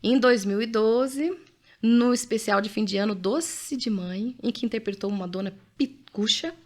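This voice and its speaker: Her fairly high, darkish voice moves at a normal speed as this middle-aged podcast host chats away casually. With a Brazilian Portuguese accent, she sprinkles in "né?" and adds personal asides while reading facts aloud.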